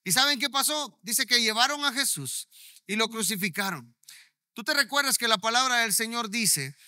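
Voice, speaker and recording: A man preaching a sermon in a high, ringing and forceful voice. He is emphatic and keeps checking in with his listeners. The sound is dry and close. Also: lively intonation, normal speed, dry recording. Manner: emphatic, often checking in with the audience. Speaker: pastor.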